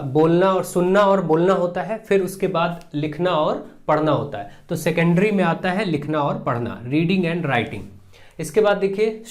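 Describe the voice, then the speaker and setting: Teacher guy w going thru an exam paper, explains step by step, reads the questions out slow. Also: on the high side, darkish tone. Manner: explains step by step, slows down to read questions aloud. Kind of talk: exam paper walkthrough lesson.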